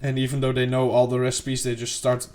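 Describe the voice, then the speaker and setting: A man's voice: completely flat delivery, fairly quick, a little mellow. A man casually talking through his gameplay, rambling and second-guessing himself with lots of fillers. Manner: rambling, self-questioning, lots of fillers and "boom". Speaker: gaming video creator. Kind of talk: casual unedited gameplay commentary.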